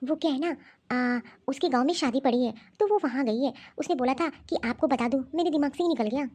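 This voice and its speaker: Sitting high and moving a little fast, this woman's voice plays a young sister-in-law in a cartoon story, a bossy schemer who wheedles and gives orders to those around her.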